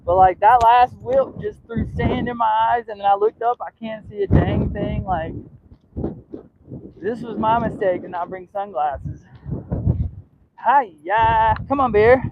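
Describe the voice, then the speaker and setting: High-voiced man vlogging on a windy walk. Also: big pitch swings, measured pace, narrow, tinny audio. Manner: chatty, exclaims at the wind and scolds the dog. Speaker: livestream host. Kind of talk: casual live vlog while walking a dog. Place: outdoors on a windy trail. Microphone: mic with a wind cover, handheld while walking. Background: wind noise.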